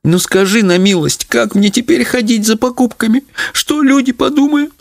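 A man voicing a fussy, anxious middle-aged mother in a storybook reading, in a shrill, scolding manner. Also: moderate pace, vocal fry, no echo, studio quality. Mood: tearful.

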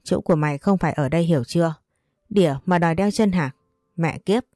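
A woman's voice: lowish voice, fairly quick, warm tone, no echo, clean studio sound, close to an everyday voice. A woman voicing a spiteful young wife who speaks rudely and with contempt, in a storybook reading. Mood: scornful. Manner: rude, insulting, contemptuous.

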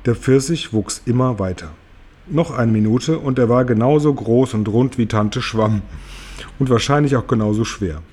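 A man reading a children's story aloud as audiobook narrator, in an expressive storytelling manner. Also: medium pitch, moderate pace, husky.

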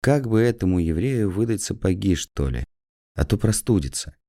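Gentle middle-aged doctor, male, soft and apologetic, warm dark tone, read by a man. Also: lowish voice, big pitch swings, normal speed, no echo, clean studio sound, voice pushed up.

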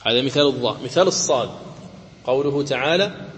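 A man teaching the rules of Quran recitation, explaining each rule step by step and chanting the example words slowly. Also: mid-range voice, expressive, fairly bright tone, big-room sound. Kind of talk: tajweed lesson with chanted examples.

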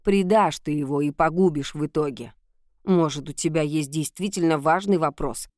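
A woman voicing an old, grumbling village witch who tells fortunes in a gruff, slow, mocking way. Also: deep voice, darkish tone, no echo, studio quality, lightly acted. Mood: stern.

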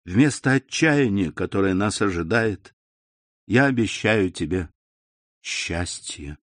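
A man's voice: low-pitched, lively intonation, slow pace, dry recording, clean studio sound. A man voicing a devoted young man in love in a storybook reading, earnest and heartfelt.

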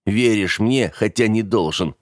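A prickly, mistrustful young man from an audiobook, voiced by a male reader. He snaps in short, sarcastic jabs in a low voice. The recording is dry and close. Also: a little slow, no room sound, close to an everyday voice. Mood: snapping. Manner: snappy and sarcastic.

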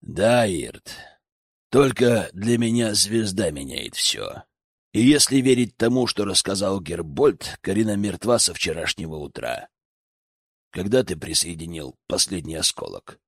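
Male ally for audiobook, voiced by the male narrator: lower register, calm and frank, dry studio sound. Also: unhurried, no echo, heavily acted. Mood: somber.

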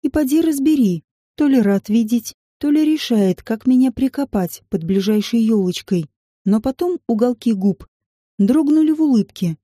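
Dark-toned woman narrating an audiobook. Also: a little high, expressive, moderate pace, slightly rough, no echo, studio quality. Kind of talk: scripted first-person narration.

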